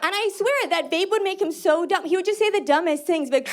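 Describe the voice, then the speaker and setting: Loud young new woman doing stand-up, high voice, noisy room. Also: brisk. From New York. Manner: loud, animated, acts out characters. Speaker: stand-up comedian. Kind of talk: stand-up comedy set.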